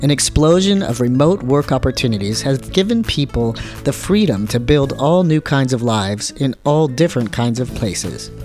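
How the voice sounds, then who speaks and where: A man's voice: medium pitch, expressive, moderate pace, hardly any pauses, a little mellow, soft background music. Man co-host narrating a scripted opening. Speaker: podcast co-host.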